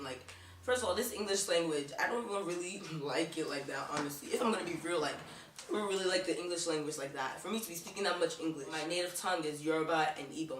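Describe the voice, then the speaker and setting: A young adult woman from Baltimore, USA, vlogs casually to the camera, chatty and dropping "like" into nearly every sentence. Her voice sits low. The low-quality recording has a distant mic, an echoey room and slight background noise.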